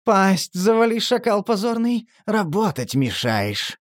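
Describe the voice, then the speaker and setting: A man's voice: high voice, sing-song, moderate pace, a little mellow, no room sound, clean studio sound, pitched above the performer's own voice. A man doing a purring female monster. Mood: snarling. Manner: purring, then snarling. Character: predatory female creature, purring and seductive.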